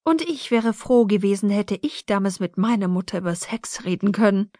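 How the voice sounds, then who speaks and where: A woman's voice: medium pitch, lively intonation, moderate pace, dark tone, no echo, studio quality, lightly acted. A woman voicing a frank, free-spirited mother who talks about intimacy in a breezy, matter-of-fact way, read in an audiobook.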